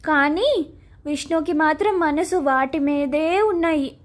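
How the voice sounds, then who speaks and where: A woman narrating a children's story in an unhurried, gentle way. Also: sits high.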